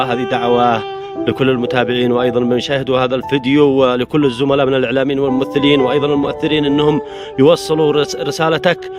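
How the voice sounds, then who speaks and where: A man with a Yemeni accent hosting an on-location vlog as a casual interviewer, coaxing and encouraging, often repeating himself. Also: medium pitch. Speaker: video host interviewing people outdoors. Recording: music behind the voice.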